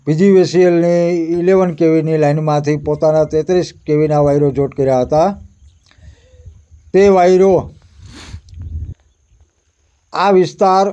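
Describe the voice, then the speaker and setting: A high-pitched man with a Gujarati accent reports the local news in a formal, announcing manner. His voice is mellow yet smooth and resonant. The recording sounds dull and lo-fi.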